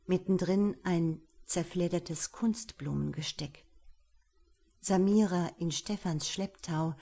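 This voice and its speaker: A woman narrating a suspense audiobook in a measured, hushed manner. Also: fairly low pitch.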